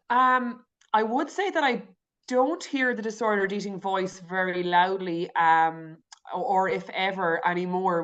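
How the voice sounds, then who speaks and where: A woman's voice: mid-range voice, lo-fi sound. A woman with an Irish accent, a podcast guest talking candidly and reflectively, with frequent restarts and fillers. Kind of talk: candid conversational interview.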